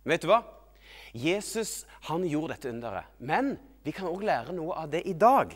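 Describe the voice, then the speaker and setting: A man hosting a children's program tells the kids a Bible story in a playful, animated way. His voice sits fairly high and swoops up and down with a lot of expression. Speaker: children's TV host.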